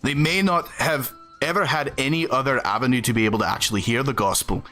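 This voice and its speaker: Soft music plays behind this Southern American streamer as he talks earnestly and chattily with viewers mid-game, responding to chat between plays. His mid-range voice is quick, pushed and bright.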